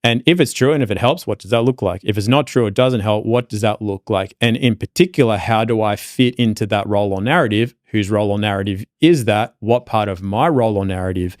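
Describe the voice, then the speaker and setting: Rambling Australian man, low and dry. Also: brisk, few pauses, dry recording. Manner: reflective, loose and rambling, many fillers. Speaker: podcast guest. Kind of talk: casual conversation.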